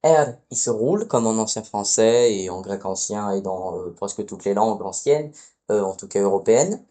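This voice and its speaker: Man, teacher, casual lesson, mellow voice, hesitant, self-correcting. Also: lowish voice, lively intonation, moderate pace. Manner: hesitant, often corrects himself mid-phrase. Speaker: Latin teacher.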